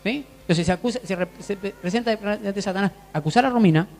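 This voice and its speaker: A male pastor with a Rioplatense Spanish accent delivers a sermon, throwing questions and calls for amens at his congregation. His voice sits high for a man. The sound rings with a long hall reverb over faint background music. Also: fast talker, darkish tone. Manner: call-and-response preaching, asks the congregation for amens. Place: church hall.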